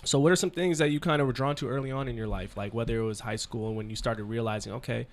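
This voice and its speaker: A man hosts a casual podcast and introduces his guest in a hyped, friendly way, using plenty of filler words and slang. His voice is medium in pitch with fairly even intonation, and he speaks fast.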